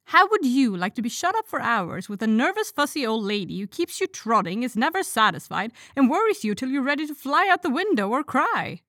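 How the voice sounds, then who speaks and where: A woman's voice: medium pitch, big pitch swings, a little fast, no echo, clean studio sound, close to an everyday voice. A woman voicing a bookish, tomboyish teenage girl who grumbles and speaks her mind. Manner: grumbling, outspoken.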